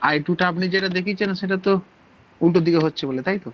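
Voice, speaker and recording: A man's voice: high voice, racing, highs cut off, slight background noise. A young man with a Bengali accent, a student politely asking his teacher questions.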